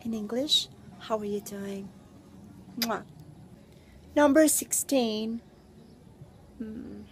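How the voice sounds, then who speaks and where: Speaking outdoors among trees into a phone held at arm's length with earphones, this young Filipina vlogger giggles and teases as she chats through a list of facts about herself. Her voice is a little high and her words are drawn out. A bit of hiss or hum is audible.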